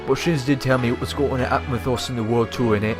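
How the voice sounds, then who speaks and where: A man doing crude let's-play commentary, mocking the game and reading its text aloud in a flat mutter. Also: medium pitch, fast. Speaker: gaming YouTuber. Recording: game music playing behind the voice. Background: game music.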